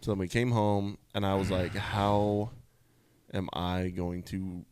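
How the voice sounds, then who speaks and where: Young man, podcast co-host, low voice, casual storytelling, dry close sound. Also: level tone, takes it slowly, a little mellow, clean tone, no room sound. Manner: laid-back storytelling, swears casually. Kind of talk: casual chat.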